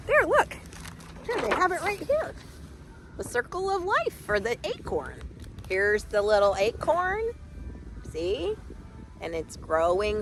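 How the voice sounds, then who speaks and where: A woman reads a picture book aloud to young children, expressive and chatty, tossing in casual asides and exclamations. Her voice is on the high side, with a little hiss or hum in the audio.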